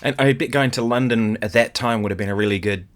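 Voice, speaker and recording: A man's voice: mid-range voice, fast talker. A man co-hosting a casual chat, asking questions in a chatty, enthusiastic way. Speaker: co-host.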